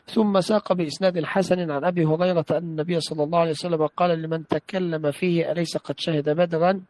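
A man with a high voice recites a classical text in a study session. He reads carefully and repeats phrases after a correction. The recording is dry, with no room sound. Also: fairly even intonation, quick pace, darkish tone, no echo, low-quality recording. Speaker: student reading a text aloud to a teacher.

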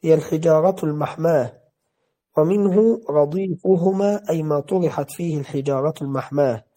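A man reads from a classical text and explains each term, slow and deliberate, going back over words. His voice sits fairly high for a man, with a mellow, darkened tone. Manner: measured, careful reading with repeated words. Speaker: teacher.

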